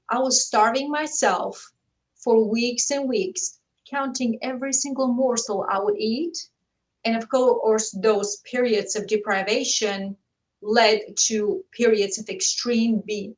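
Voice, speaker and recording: Earnest woman, distant mic. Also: a little high. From Bulgaria. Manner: earnest, steady and heartfelt. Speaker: guest author. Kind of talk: personal storytelling on a talk show.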